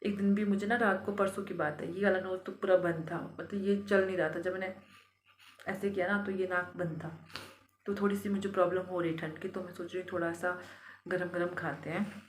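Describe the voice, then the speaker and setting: A woman from India talks casually to her phone camera at home, homely and quick to laugh. A slight cold leaves her throat a bit rough, and her fairly low voice rings in a roomy space with faint noise behind it. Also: fairly even intonation. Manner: chatty, homely, laughs easily. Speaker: family vlogger. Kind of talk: casual vlog chat.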